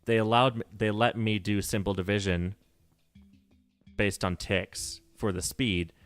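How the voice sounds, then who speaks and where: Over faint background music, a man speaks in a fairly low, steady voice, a little slow, while playing on a livestream. His casual talk meanders with self-corrections and frequent nerdy laughter.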